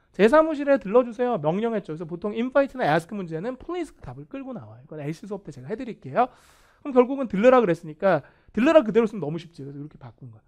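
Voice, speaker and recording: A man teaching English vocabulary in a video lecture, animated and playfully self-mocking. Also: high voice. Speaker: English test instructor.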